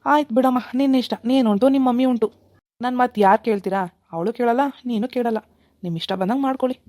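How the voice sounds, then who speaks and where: A woman voicing a calm, moralizing middle-aged father in a cartoon, with a gentle, resigned manner. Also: on the high side, quick pace, no echo, clean studio sound, close to an everyday voice. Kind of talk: cartoon voice acting.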